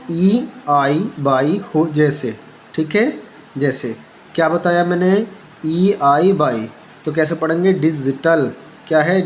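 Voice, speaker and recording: A man's voice: fairly high pitch, a little hiss or hum, low-quality recording. A man teaching beginners how to read English letters, patiently repeating each point and asking the class questions. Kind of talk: Hindi phonics lesson for beginners.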